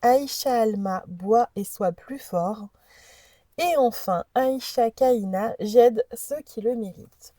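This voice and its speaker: A woman's voice: a little high, slow pace, dark tone, no room sound. A woman host presenting an oracle deck in a casual chat, reading the card messages aloud and hesitating over unfamiliar names.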